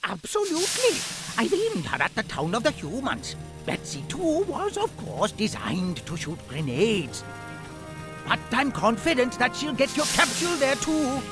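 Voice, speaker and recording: A man's voice: very high voice, wildly swooping pitch, unhurried, exaggerated voice. An actor playing a proud, eccentric old grandfather inventor in a video game, declaiming theatrically. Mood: excited, confident. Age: older. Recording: music under the voice.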